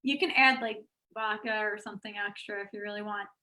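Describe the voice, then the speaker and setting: A woman's voice: mid-range voice, steady tone, a little fast, pushed and bright. A woman chatting as a guest on a video call, bubbly and full of "like" and laughs. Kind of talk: casual chat.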